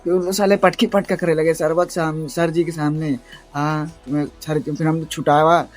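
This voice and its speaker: A young man with a tells a rambling school anecdote for his vlog, acting out what others said. His voice sits a little high, and faint music plays underneath. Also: normal speed. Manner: rambling, animated retelling with acted-out quotes. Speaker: vlogger. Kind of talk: casual storytelling vlog.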